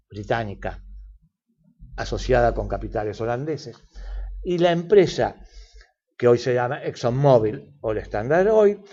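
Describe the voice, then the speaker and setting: An older man with an Argentine Spanish accent speaks as an expert guest in an interview, lecturing at length with many fillers and restarts. His voice sits on the high side, mellow and husky, and the recording has its highs cut off.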